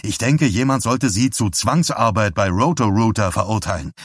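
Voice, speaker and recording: Guy reading a calm cold psychic, low and quiet, audiobook. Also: normal speed, husky, no echo, studio quality. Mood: cold contempt. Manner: quiet, controlled, contemptuous. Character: grim young male psychic, coldly calm.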